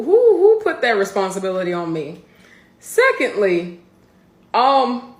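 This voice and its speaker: A woman in a video rant, arguing indignantly and jumping to high outbursts. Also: reverberant.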